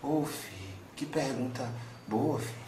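An unhurried, mellow and natural delivery marks this gentle counselling from an old grandmother spirit spoken through a male medium. Her middle-pitched voice is tender, wise and soothing, and she repeatedly calls her listener "son." There's room echo and a faint hiss in the background.

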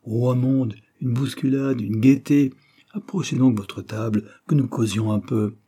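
A man voicing a triumphant young male painter who talks in an animated, exclaiming way. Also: mid-range voice, unhurried, lightly acted.

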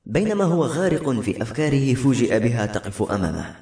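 A man reading a novel aloud as audiobook narrator, with steady, brisk storytelling. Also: medium pitch. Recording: echoey room.

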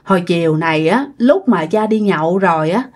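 A woman's voice: lowish voice, animated, fairly quick, darkish tone, pitched below the performer's own voice. A woman with a Southern Vietnamese accent voicing a little boy who cries and pleads for his dead mother. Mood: sad recounting.

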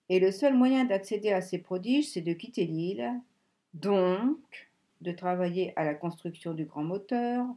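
A woman reading the part of an excitable older male scholar who pleads insistently. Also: mid-range voice, lightly acted. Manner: insistent, imploring.

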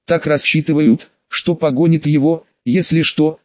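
A man narrates an audiobook in a wry, even storytelling manner, his voice slightly higher than most. The recording sounds dull and lo-fi, with a dry, close sound. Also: a little slow, no room sound.

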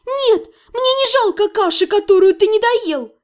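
A woman voicing a sharp-tongued young witch heroine in an audiobook, quick-tempered and indignant. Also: extremely high pitch, lively intonation, pitched above the performer's own voice. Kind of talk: audiobook reading.

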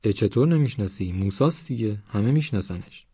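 A boastful, know-it-all village girl, put on by a male narrator, a touch raised from his low voice. Dry and close, with a soft, dull tone. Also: expressive, slightly rough, no room sound. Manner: cocky, chatty, know-it-all.

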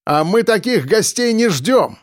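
A man voicing a bold young male survivor who shouts back blunt, defiant answers, in an audiobook. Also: sits high, very animated, unhurried, no echo, clean studio sound, voice pushed up. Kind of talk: audiobook character voice.

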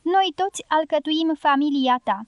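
A woman reading the part of a gentle, affectionate young woman. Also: high voice, no room sound, muffled recording, voice pushed up, close to an everyday voice. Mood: tender. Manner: tender, earnest.

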